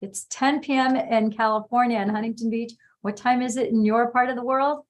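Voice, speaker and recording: A woman's voice: fairly high pitch, fairly even intonation, fairly quick. A woman hosting a live online interview, chatty and upbeat. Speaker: host. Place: home in California.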